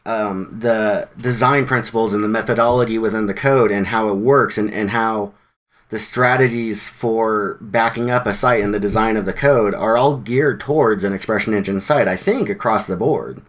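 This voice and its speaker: A man's voice: lowish voice, moderate pace, a bit bright. A man giving a casual, conversational presentation to a developer meetup, with informal slang and frequent restarts. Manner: conversational, with many fillers and restarts.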